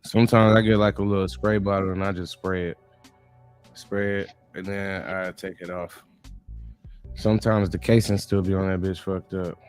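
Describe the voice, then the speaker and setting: Low, flat-voiced laid-back man. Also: moderate pace, clean tone, faint music behind. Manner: relaxed, slangy, low-key. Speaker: stream guest. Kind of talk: casual stream chat.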